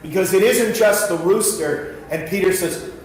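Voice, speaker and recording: A pastor from New York with a New York accent, giving a thoughtful Bible study talk, with many fillers and restarts. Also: male voice, high voice, normal speed. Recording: echoey room with faint noise.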